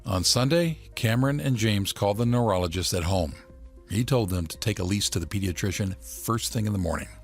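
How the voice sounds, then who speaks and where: A man's voice: fairly low pitch, a little fast, soft background music. A man reading scripted narration of a true story.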